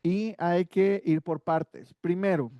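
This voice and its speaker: A man's voice: sits high, steady tone, slow, dark tone, no room sound. A man teaching a Bible study lesson in a conversational way, with rhetorical asides and words repeated as he thinks.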